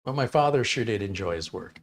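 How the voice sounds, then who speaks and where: There's a faint hiss or hum behind this middle-aged man's lowish voice as he hosts a live stream, animated and brisk. He reads chat and talks casually, rambling through tales and acting out quoted lines in various voices.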